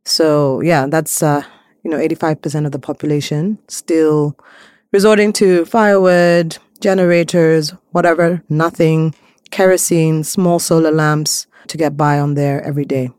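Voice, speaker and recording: A woman from Malawi, a clean energy innovator, answering interview prompts in a thoughtful way, often pausing with ums and restarting her sentences. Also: sits low, fairly even intonation, a little mellow, clear, resonant tone, no room sound, studio quality.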